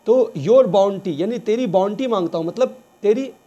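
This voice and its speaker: Male English tutor, high mellow voice, slow repetitive drilling style. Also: highs cut off. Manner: repeats words slowly, quizzing the listener. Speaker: English teacher. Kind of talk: slow bilingual reading lesson.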